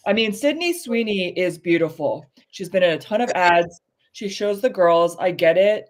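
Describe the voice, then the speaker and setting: A woman co-hosting a casual chat show, speaking candidly and with strong opinions, full of fillers, her pitch rising when she stresses a point. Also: lively intonation, normal speed. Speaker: podcast co-host.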